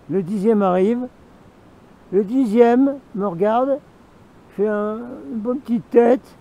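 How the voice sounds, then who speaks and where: A man's voice: high voice, warm tone, poor audio. A man telling a rambling, repetitive story to camera, breaking into asides with himself, with faint noise behind him. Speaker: vlogger. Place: outdoors in the mountains.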